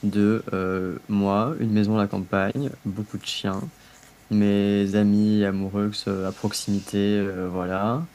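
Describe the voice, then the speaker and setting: Low, flat-voiced man musing. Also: a little slow. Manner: hesitant, many fillers, dreamy. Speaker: podcast co-host. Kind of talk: casual podcast chat.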